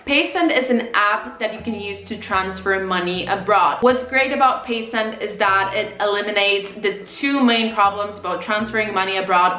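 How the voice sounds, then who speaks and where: A woman's voice: mid-range voice, bright, forceful tone, roomy sound. A young woman vlogger from Poland, chatting casually and rambling to the camera. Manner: chatty, rambling, self-questioning. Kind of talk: casual vlog chat. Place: outdoors walking, then at home.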